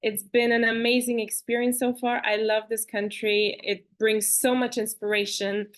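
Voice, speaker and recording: A woman from Bulgaria, a guest in an interview, talking in an animated, chatty way with fillers and restarts over a video call. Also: on the high side, normal speed. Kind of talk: conversational interview.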